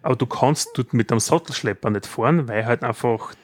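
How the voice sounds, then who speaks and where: A man with an Austrian accent hosting a casual podcast, talking in a chatty, drawn-out way with hesitant fillers. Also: medium pitch, dry recording. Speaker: podcast host.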